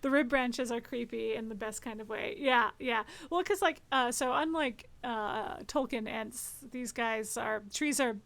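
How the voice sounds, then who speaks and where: A woman's voice: a little high, measured pace, creaky, hardly any pauses, fairly bright tone. A woman doing casual gameplay commentary as a streamer, chatty and joking, talking back to the characters. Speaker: game streamer.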